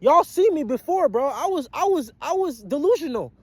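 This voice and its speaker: A young man in his twenties delivers a profane motivational rant straight to his viewers in a strikingly high voice. He talks bluntly and hammers each point with repetition, worn and sweaty from a long shift. The sound is close and dry. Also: very animated, moderate pace, no echo. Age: 20s. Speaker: vlogger and aspiring musician.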